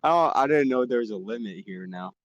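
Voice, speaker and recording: A young man co-hosting a podcast in casual chat, laughing often and quick to protest in disbelief. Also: medium pitch, expressive, rough recording. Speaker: podcast co-host.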